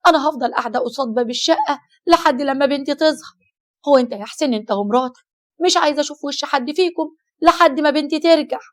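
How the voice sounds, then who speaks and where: A woman's voice: sits high, fast, lightly acted. A woman voicing a grieving, tearful Egyptian mother in an audio horror story. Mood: distraught. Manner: loud, tearful pleading. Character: grieving middle-aged Egyptian mother, loud and pleading.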